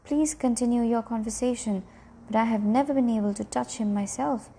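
Brief: woman reading a polite young male zoo keeper, husky and mellow storybook voice. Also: fairly high pitch, fairly quick. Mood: surprised.

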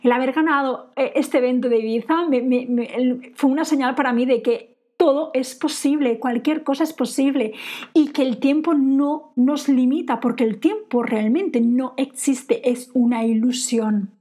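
A woman's voice: high-pitched, moderate pace, dark tone. A woman hosting a podcast as a coach for women entrepreneurs, talking in an earnest, encouraging way and repeating phrases for emphasis. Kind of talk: motivational podcast monologue.

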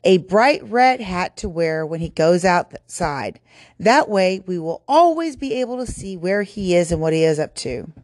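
Woman reading as a kind mama rabbit from a picture book, gentle caring voice, fairly low, dry sound. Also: very animated, unhurried, no room sound. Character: kind motherly female rabbit.

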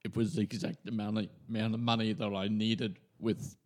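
A man's voice: fairly low pitch, fairly quick. An older Australian man telling a personal story in casual chat and acting out the people he quotes. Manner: animated storyteller who acts out quoted voices. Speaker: podcast guest, retired minister.

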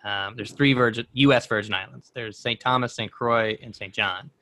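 A man's voice: mid-range voice, fairly even intonation, normal speed, sharp tone. A man in his twenties co-hosting a podcast, rambling through a story and laughing at himself. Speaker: podcast co-host. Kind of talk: casual chat.

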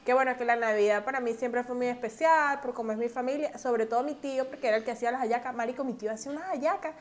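High-voiced woman, expressive. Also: racing. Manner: expressive, swings from soft-spoken to loud and dramatic. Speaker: podcast co-host. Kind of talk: casual chat.

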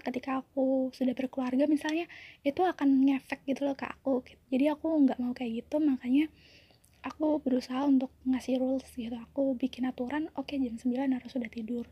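A woman's voice: sits high, husky, dull audio. A young woman in her twenties sharing a personal story in a casual, confiding way, full of fillers. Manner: chatty, confiding, many fillers.

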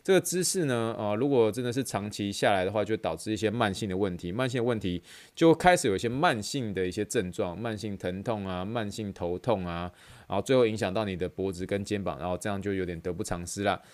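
A man's voice: fairly low pitch, fast talker, a little mellow. A man with a Taiwanese Mandarin accent hosting a podcast in casual, rambling chat that repeats phrases. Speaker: podcast host.

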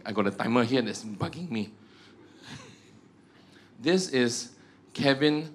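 This Malaysian-accented man speaks at a medium pitch with lively intonation and an unhurried pace. He's joking his way through a lesson for a church group, mocking himself and adding "ah" and "huh" to the ends of his sentences.

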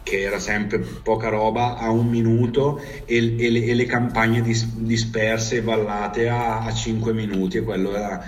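A man's voice: lowish voice, level tone, moderate pace, few pauses, a little hiss or hum. A man with a northern Italian accent telling stories in casual chat, rambling and slangy, with swearing thrown in. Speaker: storyteller recalling life abroad. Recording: distant mic.

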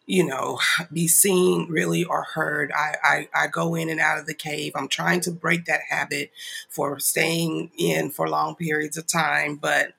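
On the high side and unhurried, this man's voice is level in tone, gravelly, husky, pushed and bright, and also nasal and stuffy because his nose is congested. He hosts an online prayer ministry livestream, speaking casually to followers with an informal, apologetic manner and chuckling asides.

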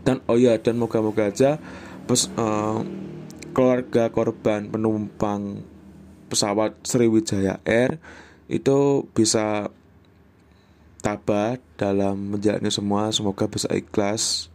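A man's voice: fairly low pitch, flat delivery, slow, pauses often, a little mellow. A young Indonesian man with a Javanese accent, hosting a casual solo podcast and rambling as he mixes in Javanese and English phrases. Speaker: podcast host.

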